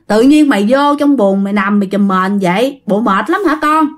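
Lady doing a bossy old mom, scolding, lively pitch. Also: moderate pace, close to an everyday voice. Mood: worried. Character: old scolding mother, quick-tempered.

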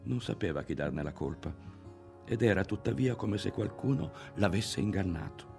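A man narrating a literary novel in a measured, expressive audiobook reading. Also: on the low side, vocal fry, music in the background. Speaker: audiobook reader.

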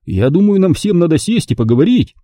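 A man voicing a flustered, excitable male art dealer in a storybook reading, shrill and exclamatory. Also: brisk, no echo, clean studio sound.

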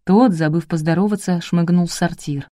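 A woman reading a first-person audiobook in an expressive storytelling manner. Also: lowish voice, normal speed, no room sound, studio quality. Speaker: audiobook reader.

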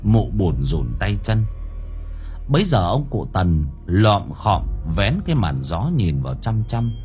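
A man's voice: on the low side, sing-song, takes it slowly, a little mellow, faint music behind. A man narrating a ghost story as an audiobook, vivid and dramatic.

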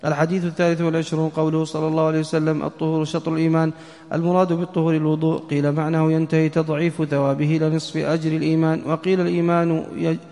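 A man with a slightly high, mellow voice reads a text aloud to his teacher. His recitation is rapid, flat and half-chanted. The sound has the long echo of a mosque hall. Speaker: student reading the text aloud.

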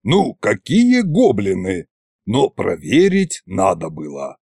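A man voicing a stern old male tsar who barks curt orders slowly and deliberately. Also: lowish voice, wildly swooping pitch, gravelly, a little mellow, slightly rough, no room sound, studio quality, exaggerated voice. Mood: good-natured.

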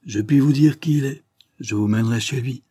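A man's voice: mid-range voice, a little fast, mellow, breathy edge, dry recording, studio quality, voice pushed up, close to an everyday voice. A man reading the lines of an anxious, tender-hearted young woman in an audiobook novel, lifting his voice for her. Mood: eager.

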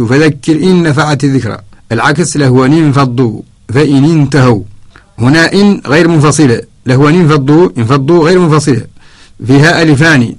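A man's voice: fairly high pitch, creaky. A man from Mauritania giving a radio lesson on Quranic spelling, methodically listing numbered examples and reciting short verse fragments. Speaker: teacher of Quran orthography. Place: radio studio.

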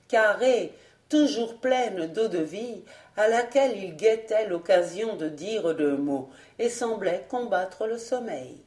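A woman reading a classic novel aloud in a measured, even storytelling manner. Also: medium pitch, roomy sound. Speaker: audiobook reader. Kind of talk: literary audiobook narration.

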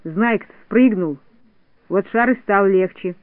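A man's voice: high-pitched, unhurried, clean tone, no room sound, narrow, tinny audio. A man voicing a grumpy, suspicious little boy who keeps complaining. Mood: scornful. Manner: grumbling, complaining.

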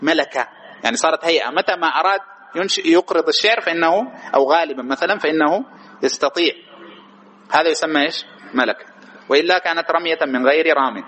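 A man's voice: fairly high pitch, fast, a bit bright, slight background noise, rough recording. A man teaching a lesson on a classical text, who keeps asking his listeners questions and then answers them himself. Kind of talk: classroom lecture explaining a text.

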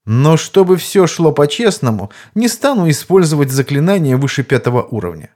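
Tired archmage guy, read by a man, slow grave explaining, a bit gloomy, slightly raised voice. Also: a little high, big pitch swings, a little mellow, pitched above the performer's own voice. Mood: grave apologetic. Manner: explaining gravely, somewhat glum. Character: weary male archmage, apologetic and measured.

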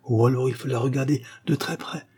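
A man's voice: medium pitch, warm tone, slightly rough, voice pushed up. A man voicing a timid, poor young clerk who speaks tenderly and hesitantly. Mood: timid, wistful. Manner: timid, halting.

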